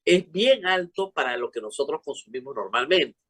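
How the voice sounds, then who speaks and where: Peruvian woman TV host, emphatic and exclamatory, husky voice that swings widely in pitch. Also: expressive, fairly bright tone. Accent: Peruvian Spanish. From Peru. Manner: emphatic, exclamatory, quick asides. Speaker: show host. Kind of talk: animated TV interview chat.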